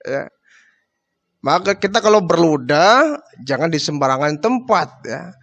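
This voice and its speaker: A male Islamic preacher giving a storytelling religious lecture and acting out the dialogue with lively changes of voice. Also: fairly high pitch, a little slow, gravelly, highs cut off. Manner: animated storyteller who acts out dialogue.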